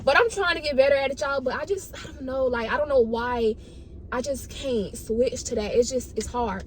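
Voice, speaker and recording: High-pitched, animated woman telling a story. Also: normal speed, rough recording. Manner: animated, dramatic, slangy, repeats phrases for emphasis. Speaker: storytime vlogger. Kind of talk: casual chatty storytelling. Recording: noticeable background noise.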